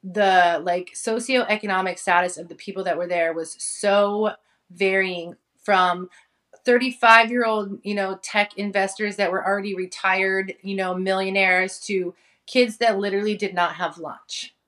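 Talking unhurriedly in a medium-pitched, fairly bright voice with a steady tone, this Hawaiian woman in her forties is a guest in a relaxed interview. She's chatty, laughs frequently, and fills her speech with fillers.

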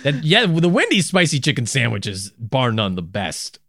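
A man's voice: mid-range voice, sing-song, normal speed, a bit bright, no echo, studio quality. An American man co-hosting a comedy podcast in casual, goofy, sweary banter.

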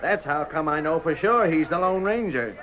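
A man's voice: a little high, animated, moderate pace, a crowd in the background, natural voice. An actor playing a sly, folksy old prospector in an old-time American western radio drama, with chuckles in his drawl. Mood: gleeful, proud. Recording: muffled old radio recording.

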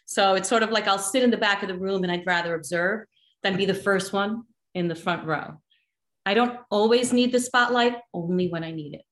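A woman's voice: mid-range voice, a little fast, a bit bright. A middle-aged woman from the Dominican Republic, talking earnestly about her life as a guest in a conversation, laughing often. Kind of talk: personal conversation. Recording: echoey room.

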